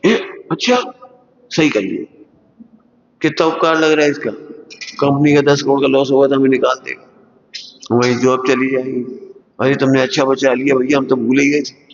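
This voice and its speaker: A man giving a religious discourse to students, animated and asking his listeners one rhetorical question after another, sometimes acting out other people's voices. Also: mid-range voice, brisk. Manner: acts out everyday quarrels in other voices. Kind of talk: Hindi sermon to students. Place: large lecture hall at a school. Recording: long hall reverb, dull lo-fi sound.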